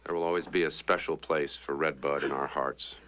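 An actor playing a sarcastic husband in a film comedy, shouting after a runaway dog and giving a mock-sincere farewell toast. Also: male voice, rumbling low, fairly even intonation, brisk. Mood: mock-earnest. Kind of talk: 1980s film comedy acting. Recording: film soundtrack with loud music.

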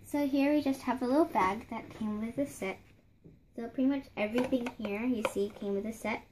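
A young girl vlogger shows off a handmade doll house at home in a brisk, high-ish voice with a darkish tone, chatty and rambling with lots of fillers and restarts. The phone camera is held close with hands in frame, and there's light room hiss.

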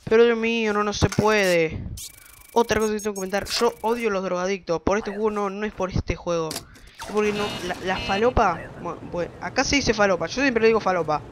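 A man giving casual, rambling game commentary from his bedroom, excitable and quick to swear. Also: high voice, a little hiss or hum. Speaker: gameplay commentator. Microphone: desk microphone.

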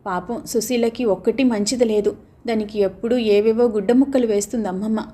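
A woman's voice: on the high side, fairly even intonation, a little fast, mellow. A woman narrating a novel aloud as an audiobook reader. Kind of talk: scripted narration.

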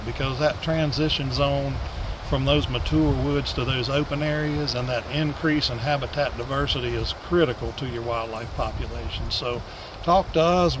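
A middle-aged man, a wildlife biologist giving an earnest, emphatic outdoor interview at a forest edge on a lapel mic. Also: mid-range voice. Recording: outdoor recording with clear background noise.

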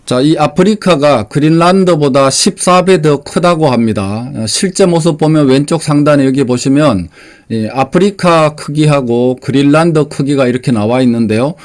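A man hosts a quiz, reading out each question and then explaining the answer step by step. His voice is plain and unpolished, and he fills his pauses with short sounds. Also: a little high. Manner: plain, unpolished delivery with many fillers. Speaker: quiz host.

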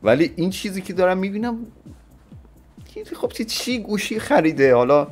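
A man's voice: high voice, very animated, soft background music. A man in his twenties from Iran giving blunt, opinionated reaction commentary with crude slang. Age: 20s. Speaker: YouTuber reacting to a clip.

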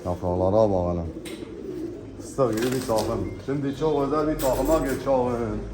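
A man giving an unscripted auctioneer's sales pitch, presenting lots in an emphatic way and repeating his phrases. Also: moderate pace, music in the background. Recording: echoey room with background noise. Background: birds, pigeons.

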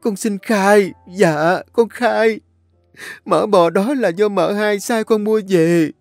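A man's voice: sits high, slow pace, gravelly, no echo, soft background music, voice pushed up, full character voice. A man voicing a terrified young servant girl who stammers and begs. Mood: pleading. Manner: stammering, begging.

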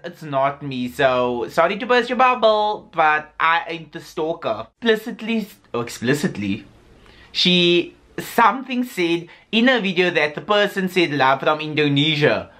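A man's voice: a little high, expressive, measured pace, sharp tone. A young man from Africa, ranting casually and sassily to his vlog audience, full of "like" fillers. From South Africa. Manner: sassy, rambling, heavy on "like" fillers. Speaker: YouTuber.

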